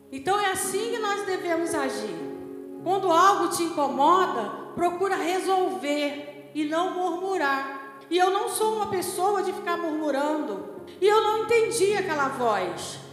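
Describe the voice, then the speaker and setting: A woman's voice: very high voice, animated, moderate pace. Woman, Brazilian accent, pastor, conversational sermon, heavy echo, music underneath. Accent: Brazilian Portuguese. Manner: conversational, keeps checking in with the congregation. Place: church hall. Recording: echoey church hall with music.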